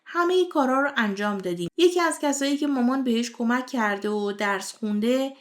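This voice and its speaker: A woman hosting a channel, reading a scripted retelling of a TV drama episode and passing on each character's words as reported speech. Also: fairly high pitch. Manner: steady storytelling voice, relaying characters' lines as reported speech. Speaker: series recap host. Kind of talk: scripted narration retelling a TV series.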